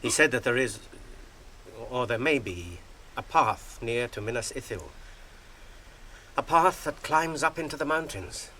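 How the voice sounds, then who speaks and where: An actor playing the young hobbit Frodo in a radio drama, gentle and loyal, speaking in a soft, earnest, coaxing way. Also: male voice, mid-range voice, lively intonation, measured pace, long pauses, slight background noise.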